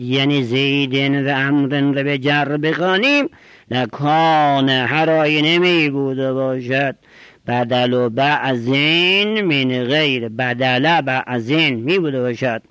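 A man teaching a traditional grammar lesson, reading short Arabic phrases and explaining each one in a measured, explanatory cadence. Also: medium pitch, fairly bright tone, clear, resonant tone, no echo.

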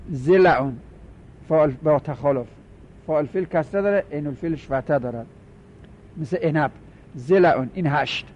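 A man's voice: fairly high pitch, a little mellow, slight background noise. Man teaching in a muffled recording. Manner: explanatory, repeats terms, asks students quick questions. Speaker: teacher of Arabic morphology. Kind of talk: classroom lecture, explaining and counting forms.

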